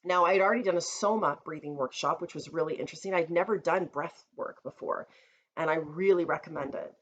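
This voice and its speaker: Woman vlogger, lowish voice, candid and reflective storytelling, slightly dull recording with faint room noise. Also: fairly quick. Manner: earnest, reflective, with frequent fillers.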